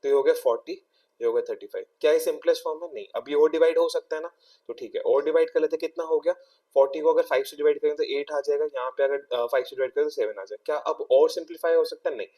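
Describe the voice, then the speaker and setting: A man's voice: fairly high pitch, quick pace, dark tone, recorded from a distance. A young Indian man teaching a maths exam-prep lesson, explaining step by step and often checking in with his students.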